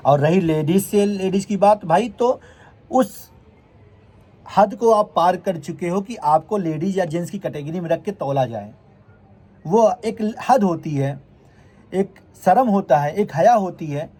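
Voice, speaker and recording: A man's voice: high voice, unhurried, dark tone. A vlogger who is a man, delivering a heated, confrontational rant straight to his viewers and repeatedly scolding his critics.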